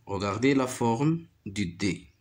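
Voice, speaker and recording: A man's voice: medium pitch, lively intonation, slow pace. A man teaching a primary phonics lesson, patiently repeating each word and syllable.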